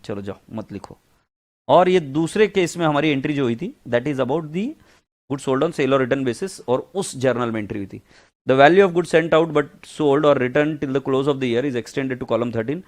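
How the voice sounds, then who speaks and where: A man with an Indian accent teaching an accounts class online, reading English text slowly and explaining in fast Hindi with teasing asides to students. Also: medium pitch, darkish tone.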